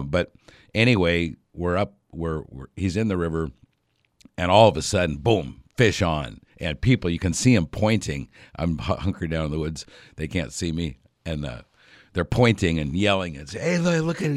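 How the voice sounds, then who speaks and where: A man's voice: very deep voice, dry recording, studio quality. A man hosting a radio outdoors show, telling a rambling story with lots of fillers and chuckles. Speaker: radio host.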